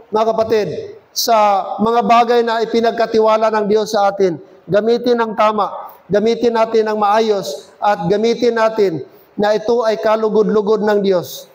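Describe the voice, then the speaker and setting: High-voiced Filipino preacher. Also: male voice, rough recording. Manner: preaching in a mix of English and Filipino, asking the congregation "Amen?"; slows down to stress key points, calls out loudly at times. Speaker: pastor. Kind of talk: sermon. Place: church service.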